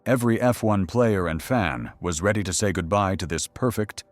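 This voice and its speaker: A man's voice: sits low, normal speed, no room sound, soft background music. A man narrating a scripted documentary in a dramatic, mocking storytelling manner.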